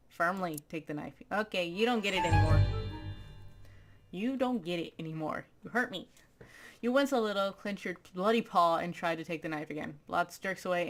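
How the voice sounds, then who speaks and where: A woman playfully reading a text adventure aloud, laughing often and adding dramatic flair to the lines. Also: lowish voice. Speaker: gaming video host.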